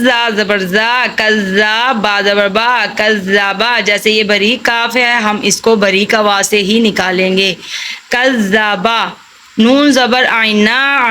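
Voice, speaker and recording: A woman teaching a Quran reading lesson, spelling out letters and vowel marks slowly and repeating them. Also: mid-range voice, pushed and bright, slight background noise. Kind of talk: slow syllable-by-syllable recitation lesson.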